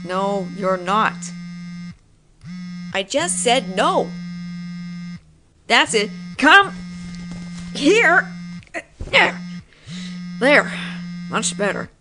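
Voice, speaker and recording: In a rough recording, a voice actress plays a possessive, frustrated roommate talking directly to the listener in one-sided audio roleplay, teasing and insistent. Her slightly high voice is very animated but delivered very slowly, with long pauses.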